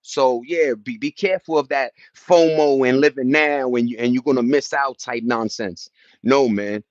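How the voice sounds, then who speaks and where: Responding to viewer chat on his livestream, an American-accented man talks at normal speed at medium pitch. The recording is muffled with no echo, and he's casual, passionate, and emphatic, rambling in street slang.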